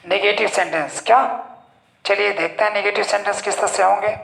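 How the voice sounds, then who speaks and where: A male English teacher giving a slow, explanatory grammar lesson in Hindi, posing rhetorical questions and answering them himself. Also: high voice, steady tone, gravelly, a bit bright. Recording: echoey room.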